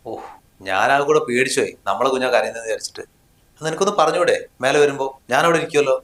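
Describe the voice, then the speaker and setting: A man's voice: mid-range voice, expressive, fast talker, fairly bright tone, echoey room, lightly acted. A man acting a husband in a short drama, scolding and dismissive in tone. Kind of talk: scripted drama dialogue.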